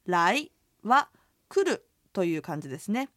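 A woman's voice: mid-range voice, unhurried, no room sound, studio quality. A woman who runs an inn, co-hosting a radio language lesson and explaining phrases in a friendly, explanatory way. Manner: lively, explanatory, friendly presenting. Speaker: inn proprietress and co-host.

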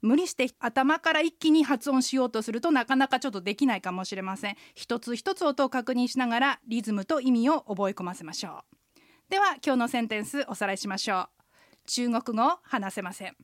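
A woman's voice: a little high, lively intonation, a little fast, no room sound, studio quality. A woman co-hosting a radio language lesson as an interpreter guide, explaining phrases and tones patiently. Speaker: co-host, interpreter guide teaching Chinese phrases.

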